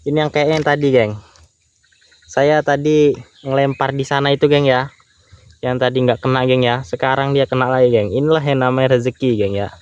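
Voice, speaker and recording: A man's voice: mid-range voice, level tone, fairly quick, clear, resonant tone, muffled recording. A young man chatting casually while fishing outdoors, tacking a friendly filler word onto nearly every phrase. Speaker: fishing vlogger. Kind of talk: casual fishing vlog commentary. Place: outdoors by water in the countryside. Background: crickets and insects.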